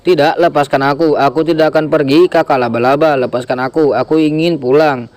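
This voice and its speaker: A man's voice: fairly high pitch, fairly even intonation, a little fast, a little mellow, lightly acted. A man reading the lines of a frightened young woman, panicked and pleading.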